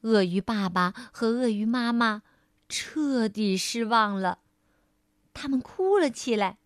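A woman storyteller reading a storybook aloud for children, in a gentle and expressive way. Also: a little high, slow, dry recording, clean studio sound.

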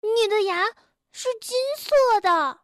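A kind, loyal young male animal friend from a storybook, as a woman reads him aloud. He speaks gently and with wide-eyed curiosity, in a very high voice at an easy pace. The recording is dry and close. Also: a little slow, no echo. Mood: curious. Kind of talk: children's storybook reading.

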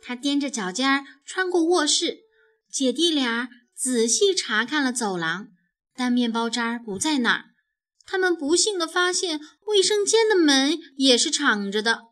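Woman narrator, children's story, high voice, faint music behind. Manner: expressive, animated storytelling.

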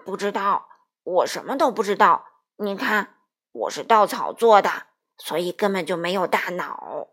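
A woman doing a hoarse, gentle scarecrow. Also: medium pitch, lively intonation, measured pace, pitched below the performer's own voice. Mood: sad, hopeful. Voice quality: hoarse, raspy. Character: gentle, simple male scarecrow of straw. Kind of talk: children's storybook reading.

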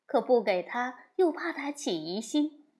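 A woman telling a classic tale as storybook narration, expressive and acting out the characters. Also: fairly high pitch, a little slow.

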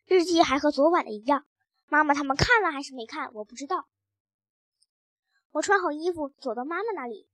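A woman reading a children's story aloud in a lively, expressive first-person child's voice. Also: high voice, fairly quick, pauses often, dry recording.

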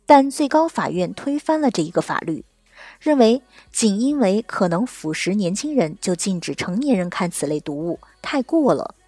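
A woman reading a scripted explainer narration in a steady, measured storytelling delivery. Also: medium pitch, breathy edge, dry recording.

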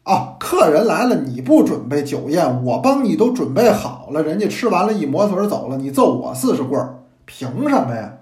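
A man's voice: on the high side, sing-song, moderate pace, a little mellow, echoey room. A man voicing a cheeky young nephew who boasts and complains, in a storytelling. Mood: indignant. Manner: boastful, indignant.

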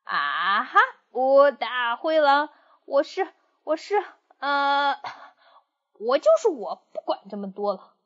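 A woman's voice: sits high, big pitch swings, takes it slowly, dull audio, voice pushed up, full character voice. A woman voicing a boastful, hungry and hapless male grey wolf who groans and brags. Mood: gloating. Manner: groaning and sneezing, bragging.

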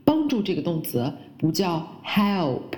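A woman who speaks Chinese as her first language, teaching English pronunciation and slowly repeating the English words she models. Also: fairly low pitch, sing-song, dark tone. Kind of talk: pronunciation lesson.

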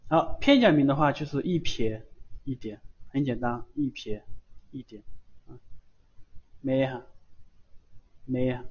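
A man's voice: medium pitch, lively intonation, a little slow, long pauses, a little mellow, husky. A man teaching beginners, patiently repeating each sound several times and adding chatty filler particles. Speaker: Japanese language teacher. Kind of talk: online lesson, writing on screen. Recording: dull lo-fi voice recording.

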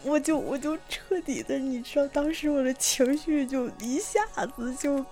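A young woman from Tianjin, chatting through a personal story with many fillers and restarts, sometimes bursting with excitement. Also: sits high, normal speed, soft background music. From Tianjin, China. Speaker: vlogger telling a personal story. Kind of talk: casual storytelling monologue.

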